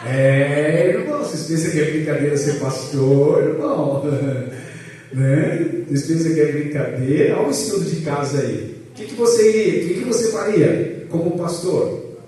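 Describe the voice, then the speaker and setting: A high-voiced pastor from São teaches a church class, his pitch swinging widely as he jokes and puts questions to the room. He talks loudly and with a lot of energy. The recording is echoey and picked up from some distance. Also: moderate pace. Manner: loud, animated, jokes with the class and asks them questions. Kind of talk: lively church class lecture.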